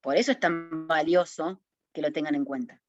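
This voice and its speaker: A woman in her forties with a Córdoba accent from Argentina, giving an online webinar lesson on public speaking in a direct, lively way, often checking in with her listeners. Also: low voice, moderate pace, faint music behind. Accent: Córdoba Argentine Spanish. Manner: lively, direct, addresses audience informally with questions. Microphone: video call. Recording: dull, dry webinar audio.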